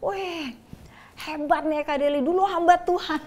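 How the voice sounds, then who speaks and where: A sneering churchgoer in a suit, put on by a woman retelling her story, calling out in a high, falsely cheerful voice. He greets her loudly and then mocks her, jumping well above her normal pitch. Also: steady tone, normal speed, close to an everyday voice. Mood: mocking. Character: mocking male churchgoer in a suit.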